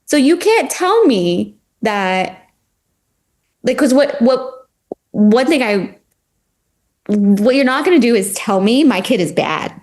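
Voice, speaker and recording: On a laid-back podcast, a woman who used to teach speaks as a guest, full of energy and feeling and sprinkling in "like" constantly. Her voice is slightly high, her delivery slow with long pauses.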